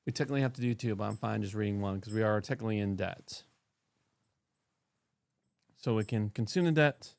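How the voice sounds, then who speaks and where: A man streaming a game, chatting casually and reading scripture aloud with animated, joking asides. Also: fairly low pitch, fairly quick, vocal fry, long pauses, dry recording.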